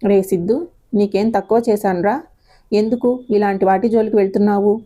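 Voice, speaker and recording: A woman voicing a proud, domineering middle-aged mother in an audio story, with a warm tone. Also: medium pitch, normal speed, natural voice. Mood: anxious. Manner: commanding, domineering.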